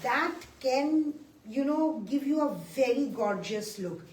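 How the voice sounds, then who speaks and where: Slow, enthusiastic woman selling sarees. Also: high-pitched, lively intonation, distant mic. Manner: enthusiastic, mixes English and Hindi, repeats key points. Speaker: saree seller on a live stream. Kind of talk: live sales presentation. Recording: echoey room, voice from off-mic, faint room noise.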